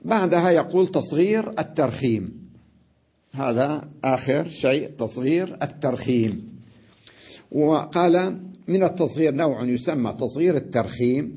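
A man teaching an Arabic grammar lesson, explaining step by step, checking in with his students and pausing on drawn-out fillers. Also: mid-range voice, creaky, slightly rough. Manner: explains step by step, often asks "تمام؟" and adds "نعم"; drawn-out "آه" fillers between points. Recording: dull lo-fi lesson recording.

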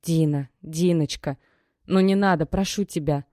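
A woman voices a guilty young woman in an audiobook, low-pitched and quiet, speaking in soft, apologetic tones. The sound is close and dry, with no room around it. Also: moderate pace, dry recording, close to an everyday voice. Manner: quiet and conciliatory. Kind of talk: audiobook character voice.

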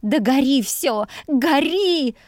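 A woman's voice: sits high, lively intonation, slow pace, a little mellow, dry recording, studio quality, voice pushed up. A woman voicing a desperate young woman, crying out in terror and sobbing pleas. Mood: despairing.

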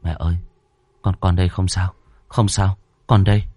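A man voicing a shaken young man who stammers soft reassurances to his mother in a ghost story reading. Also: low-pitched, flat delivery, moderate pace, no room sound. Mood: reassuring.

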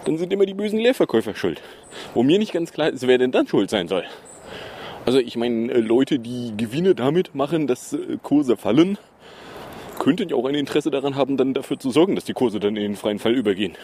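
A man's voice: mid-range voice, lively intonation, a little fast, mellow, a little hiss or hum. A man hosting his own podcast, rambling casually and sarcastically with many fillers. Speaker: podcast host. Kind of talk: casual solo podcast commentary.

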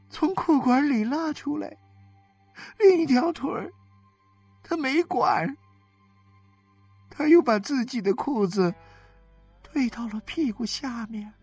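A woman acting out an ashamed young wife, weeping and pleading as she confesses in an audiobook drama. Her voice sits high and husky, and she speaks slowly. Soft music plays behind her. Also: full character voice. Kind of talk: audiobook dialogue performance.

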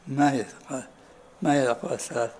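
A man teaching a study circle as sheikh, explaining texts at an unhurried pace and often asking students to repeat what they said. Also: mid-range voice, fairly even intonation, a little mellow. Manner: unhurried, often asks "ha?" to have things repeated. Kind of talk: lesson commentary with questions and answers.

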